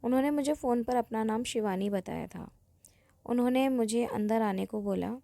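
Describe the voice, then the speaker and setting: A woman's voice: on the high side, moderate pace, vocal fry, dark tone, no echo, clean studio sound. A woman narrating a story in the first person, in a plain conversational storytelling way.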